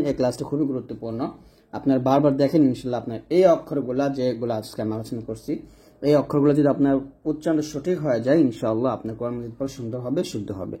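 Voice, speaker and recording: Man, Quran pronunciation teacher, patient letter-by-letter lesson, mellow dark voice. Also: mid-range voice. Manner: explains letter by letter, then slowly chants Quranic examples; checks in with "ঠিক আছে?". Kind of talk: online tajweed lesson.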